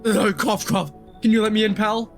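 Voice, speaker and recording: A man voicing a dying firefighter in a game, groaning and halting, bitter and resigned. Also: sits high, flat delivery, vocal fry, faint music behind. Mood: pleading.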